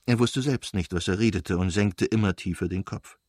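A man reading a classic novel aloud in calm, measured audiobook narration. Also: low-pitched, slightly rough, dry recording, clean studio sound. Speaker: audiobook reader.

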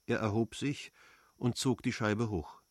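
Male audiobook narrator, low voice, dry close recording, steady literary delivery. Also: measured pace, no room sound.

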